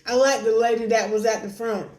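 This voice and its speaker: An American woman chatting casually over a meal, telling things in colloquial, animated fashion. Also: fairly high pitch, fairly quick. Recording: echoey room with faint background noise.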